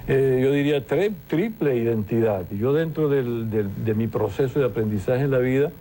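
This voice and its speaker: A man's voice: mid-range voice, normal speed, dark tone, a little hiss or hum. A man, a television presenter guest in an interview, talking reflectively and telling anecdotes with frequent restarts. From Venezuela. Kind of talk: conversational interview storytelling.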